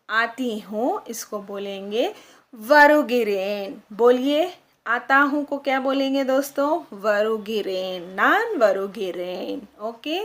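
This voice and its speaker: A woman with a fairly high voice gives a spoken language lesson. She speaks at an unhurried pace and calls her viewers friends. She drills each phrase by saying it over slowly. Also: fairly bright tone. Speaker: language teacher.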